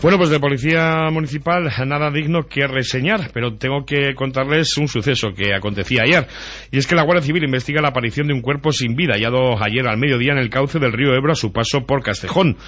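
A man's voice: medium pitch, quick pace, a bit bright. A man presenting news and weather on local radio in a conversational way. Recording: dull lo-fi radio audio.

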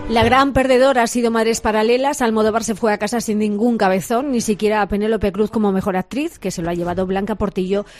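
A woman hosting a weekend radio show, lively with small hesitations. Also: mid-range voice, fast, hardly any pauses, faint music behind. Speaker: radio host.

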